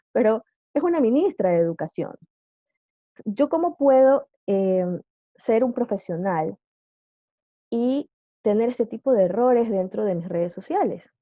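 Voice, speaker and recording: A woman's voice: fairly high pitch, animated, measured pace, long pauses, no room sound, muffled recording. A woman teacher giving a live online class, patiently quizzing her students with questions.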